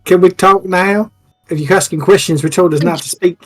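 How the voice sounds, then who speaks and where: Male tabletop player, notably high voice, casual in-character banter, soft music underneath. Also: steady tone, fairly quick.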